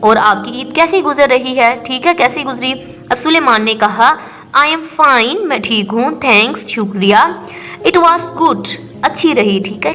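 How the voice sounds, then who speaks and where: High-voiced woman teaching English. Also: pushed and bright, rough recording. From Pakistan. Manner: reads English lines slowly, then explains them in Urdu. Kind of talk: explaining a textbook lesson.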